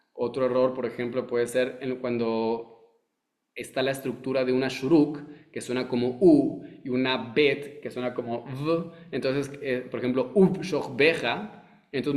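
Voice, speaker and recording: A man teaching a course lecture, explaining step by step and often stopping to restart his words. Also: mid-range voice.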